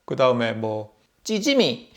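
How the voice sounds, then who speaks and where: This Busan YouTuber, a middle-aged man with a Gyeongsang Korean accent, relates a casual story on camera in a mid-range voice. He talks slowly but very animatedly, chatty and quick to laugh.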